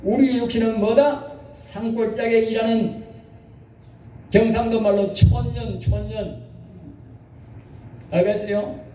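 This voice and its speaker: A man's voice: very high voice, fairly even intonation, measured pace, long pauses, mellow, a little hiss or hum. A male pastor preaching a sermon, exhorting the congregation and often asking them to respond. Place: church sanctuary. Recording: echoey church hall from far off.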